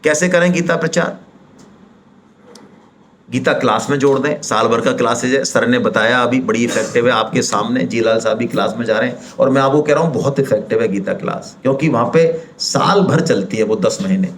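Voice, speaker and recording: A man giving a devotional seminar talk in a middle-pitched voice. He is lively and persuasive, throws rhetorical questions at the listeners and speaks to them directly and colloquially. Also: a little fast, slight background noise. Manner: animated, rhetorical questions, acts out quoted voices.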